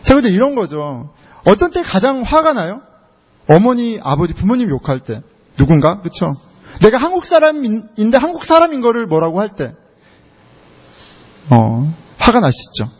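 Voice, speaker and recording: A man preaching a sermon as a pastor, retelling a story with animated rhetorical questions to his congregation. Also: sits high, normal speed, breathy edge. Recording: dull lo-fi sound in a long-reverb hall.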